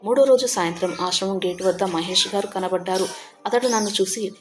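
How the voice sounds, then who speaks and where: A woman's voice: medium pitch, brisk. Brief: woman storyteller, first-person, tender and grieving, faint music bed.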